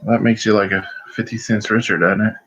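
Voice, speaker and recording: A middle-aged man chatting casually and folksily on a livestream, rambling along with hesitant pauses. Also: lowish voice, fairly even intonation, a bit bright, slightly rough. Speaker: host of a livestream vlog. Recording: slightly muffled, lo-fi livestream audio.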